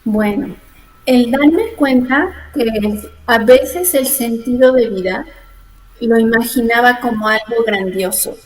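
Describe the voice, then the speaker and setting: An adult woman, a therapist giving measured, reflective interview answers that slow down to stress key points. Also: fairly high pitch, slight background noise, rough recording. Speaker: logotherapist and thanatologist guest. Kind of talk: calm explanatory interview answers.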